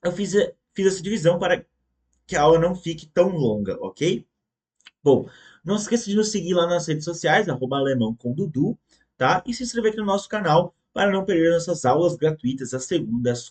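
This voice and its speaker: A man teaching a German lesson online, slowly and patiently repeating words for the learner and checking in often. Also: a little high, sing-song, a little mellow. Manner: ends phrases with checking tags.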